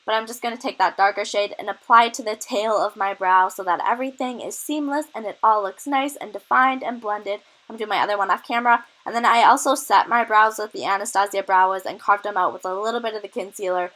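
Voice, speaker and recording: Young woman, bright voice, out of breath from a cold, chatty makeup tutorial, enthusiastic tips. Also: medium pitch, fairly even intonation, fast talker, few pauses, poor audio. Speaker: beauty vlogger.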